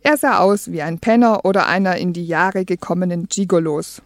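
A woman's voice: on the low side, normal speed, dry recording, clean studio sound. Woman reading a wry comic story. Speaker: audiobook reader. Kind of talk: first-person humorous audiobook narration.

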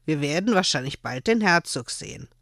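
A man's voice: on the high side, animated, brisk, fairly bright tone, dry recording, studio quality. A man voicing a patient, earnest young man who coaxes and scolds a child. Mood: coaxing. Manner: firm and coaxing.

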